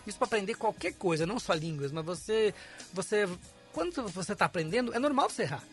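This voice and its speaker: A man's voice: high-pitched, animated, fast, soft background music. A man, an English teacher, explaining pronunciation as a guest on a radio interview in a studio. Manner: explanatory, demonstrates sounds.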